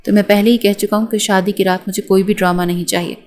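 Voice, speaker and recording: A woman's voice: mid-range voice, steady tone, a little mellow, lightly acted. A woman reading the lines of a furious, domineering young husband in an audio novel, in a commanding, threatening way. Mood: angry, commanding.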